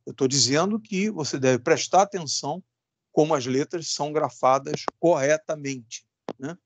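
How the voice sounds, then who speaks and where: A man's voice: fairly high pitch, normal speed, a little hiss or hum. A man teaching an electronics class with a Brazilian Portuguese accent, emphatic and repetitive, asking his students rhetorical questions. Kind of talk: recorded classroom lesson.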